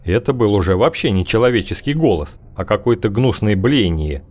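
A man narrating an audiobook in a low voice, measured and wry. He reads steadily and evenly, in a plain storytelling manner. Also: lively intonation, a little mellow. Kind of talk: scripted narration.

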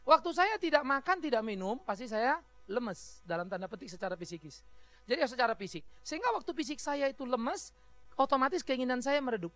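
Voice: high-pitched, expressive, brisk, a bit bright. A pastor preaching a sermon in a chatty, humorous way, often laughing while talking. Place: church.

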